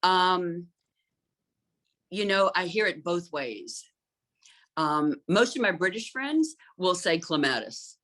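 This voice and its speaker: A middle-aged woman who works as an interior designer chats about gardens, her voice fairly low and a bit bright. She speaks slowly and expressively, leaving long pauses, and stays thoughtful and fluent while often saying "um."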